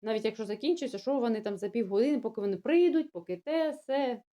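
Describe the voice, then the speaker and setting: Speaking fast in a fairly high but dark-toned voice with lively intonation, a young Russian-speaking woman chats to camera for her village-life vlog about everyday matters. She has a sore throat and tends to ramble, restart and sound puzzled.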